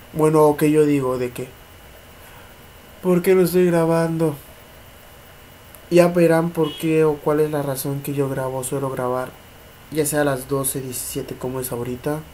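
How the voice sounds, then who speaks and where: A man's voice: on the high side, warm tone, slight background noise. A young man with a Mexican accent tells a paranormal story from home at night in a casual vlog. He rambles and repeats words. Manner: rambling, repeats words, mimics knocking sounds. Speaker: paranormal vlogger. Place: home at night, neighbours' party noise outside.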